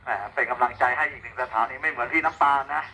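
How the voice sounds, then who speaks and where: Bright, chatty man over walkie talkie. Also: medium pitch, fairly even intonation, very fast, low-quality recording. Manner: chatty, playful, teasing. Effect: voice over walkie-talkie radio. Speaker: amateur radio operator. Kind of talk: casual walkie-talkie radio chat. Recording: two-way radio with faint noise.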